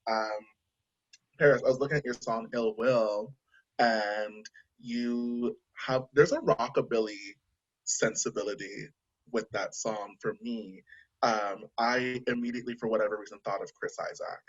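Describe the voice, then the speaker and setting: A man's voice: fairly low pitch, measured pace, husky, lo-fi sound. A man hosting a conversation, asking meandering, chatty questions with fillers. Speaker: host. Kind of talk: casual interview questions.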